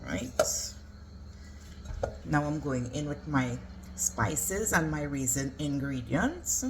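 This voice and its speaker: A woman's voice: sits low, expressive, slow, noisy background. A woman giving a casual, step-by-step cooking demonstration as a home cook. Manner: instructional, step-by-step. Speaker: home cook presenting a recipe.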